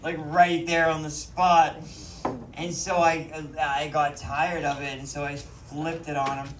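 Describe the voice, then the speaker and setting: Heard through a distant mic in a roomy comedy club with background noise, a Boston-accented man from Boston delivers rambling, self-mocking stand-up laced with ums. His voice runs on the high side, flat in delivery and measured in pace.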